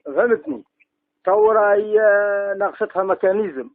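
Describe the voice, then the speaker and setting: A man's voice: high-pitched, fairly quick, no room sound. A man with an Algerian accent on a phone call, rambling and haggling to sell old goods, heard over a phone line. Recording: tinny dry phone line.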